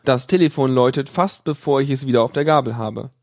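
A man's voice: medium pitch, fast, dry recording, clean studio sound. A man reading a humorous first-person story in a sardonic, smug, mock-helpful way. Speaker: narrator.

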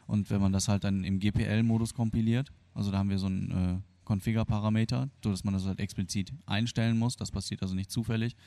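This interviewee, an Argentine-born free software developer who grew up in Germany, answers off the cuff with colloquial, hesitant explanations. His fairly low, creaky, mellow voice keeps a steady tone at a quick pace with hardly any pauses, and there's no room sound.

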